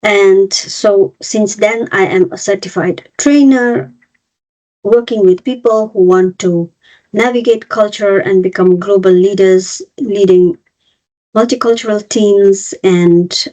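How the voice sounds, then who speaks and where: Her voice is warm, medium in pitch and slow. As a cross-cultural trainer in her fifties from Nepal and India, she leads an online webinar, explaining step by step with many fillers and restarts. The recording is dull, lo-fi video call audio.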